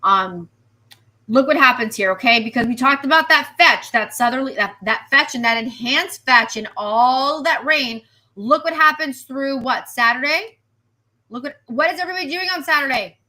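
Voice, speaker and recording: A female meteorologist hosts a live weather stream in a high voice at normal speed. She's animated and chatty, repeats herself, and reacts to viewer comments.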